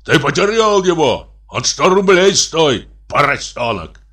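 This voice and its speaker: A man's voice: mid-range voice, very animated, unhurried, vocal fry, sharp tone, breathy edge, exaggerated voice. A man voicing a blustering, hot-tempered old general who bellows at the young. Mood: furious. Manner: bellowing, barking orders.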